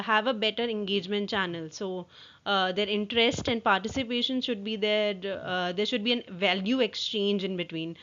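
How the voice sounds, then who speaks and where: Woman presenter, mid-pitched, informal slide walkthrough, halting with restarts, muffled low-fidelity sound. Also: a bit bright. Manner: halting, with repeated false starts. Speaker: presenter walking through own work assignment. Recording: dull, lo-fi audio.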